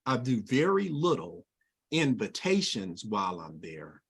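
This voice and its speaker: A middle-aged man leading an energetic sales training over a video call, animated and folksy, with plenty of casual asides. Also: lowish voice, a little slow, breathy edge.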